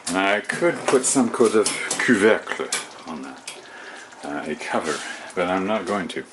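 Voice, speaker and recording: Against a noisy background, a man potters around his home kitchen, cooking, tidying, and rambling to himself absent-mindedly as a cooking vlogger. His voice sits low and is very animated, though a little slow.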